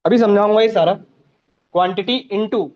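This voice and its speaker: A man teaches a live online class, pausing often to check on his students. His voice sits high. The recording is dull and lo-fi. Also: fairly even intonation, darkish tone.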